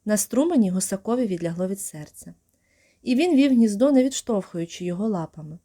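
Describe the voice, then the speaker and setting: A woman reading a children's story aloud, calm and expressive, giving brief voices to the characters. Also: medium pitch, a little fast. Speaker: audiobook reader.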